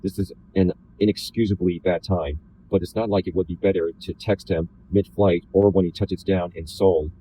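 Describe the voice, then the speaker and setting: A man reading a first-person novel aloud in a deliberately flat, slightly robotic delivery. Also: low voice, slight background noise, poor audio. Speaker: reader.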